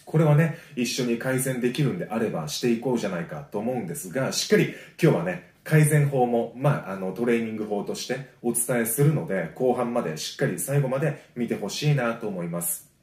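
A man teaching a voice lesson. He gives friendly, encouraging explanations and breaks them up with sustained low sung vowels. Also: lively intonation, fairly quick, darkish tone. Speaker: voice trainer. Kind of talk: vocal lesson. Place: home. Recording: roomy echo.

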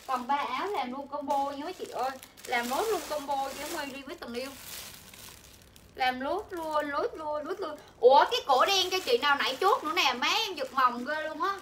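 On a livestream from her home shop, a young clothing seller talks endlessly and pushes bargains on her viewers, speaking to them again and again. The voice is high-pitched, bright and pushed, and there's a little hiss or hum on the audio.

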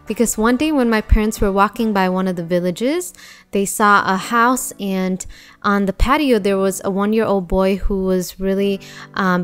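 A woman's voice: mid-range voice, smooth. A young woman from Nepal telling her life story in a casual voice-over, chatty and full of ums and uhs. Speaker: YouTuber. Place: voice-over over whiteboard drawing.

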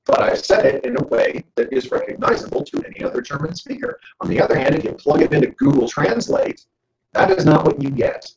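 Animated man with a gravelly, lively voice. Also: a little high, fairly quick, reverberant, lo-fi sound. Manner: animated, joking explainer. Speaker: guest speaker. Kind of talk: lecture to a small audience. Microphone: camera.

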